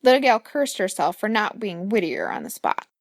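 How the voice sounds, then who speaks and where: A woman's voice: mid-range voice, huge pitch swings, normal speed, vocal fry, no room sound, clean studio sound. A woman, the author, reading her own fairy-tale audiobook, playful and speaking asides to the listener. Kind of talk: audiobook narration.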